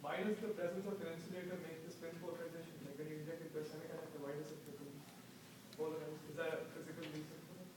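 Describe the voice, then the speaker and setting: Distant and very echoey, a man speaks extremely quickly with little pitch movement. He is asking a technical question from the audience at an academic talk. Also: steady tone. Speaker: audience questioner at a thesis defense. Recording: very echoey room, distant mic, clear noise.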